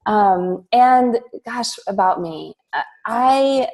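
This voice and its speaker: A Philippines-born woman chatting as a podcast guest, upbeat and enthusiastic, with loose pauses and fillers. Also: on the high side, animated, darkish tone. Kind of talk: casual podcast interview.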